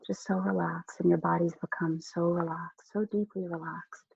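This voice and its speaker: A hypnotist guiding a listener through slow, soothing relaxation, giving soft instructions with long pauses. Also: medium pitch, little pitch movement, gravelly, husky, dry recording, muffled recording. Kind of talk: guided relaxation hypnosis script.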